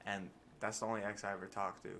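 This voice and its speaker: A young man in casual podcast chat, telling animated stories full of slang and swearing. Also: lowish voice, fast, crowd noise. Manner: animated storytelling, slangy and profane. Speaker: podcast host.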